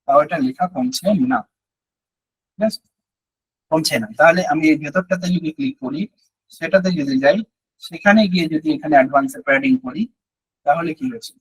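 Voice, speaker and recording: A man leads a live web design class in a fairly high, husky voice that has gone a little hoarse from long talking. He walks through each step patiently and keeps checking that his listeners are with him. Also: a bit bright, rough recording. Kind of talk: live screen-share tutorial.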